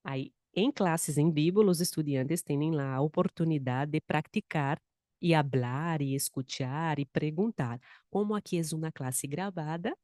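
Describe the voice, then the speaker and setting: A woman whose voice sits low and dark, speaking a little slowly, teaches Portuguese online with a Brazilian accent. She patiently repeats words and slips Spanish into her Portuguese mid-sentence. The sound is a screen-shared recording on a close mic, studio-clean with no echo.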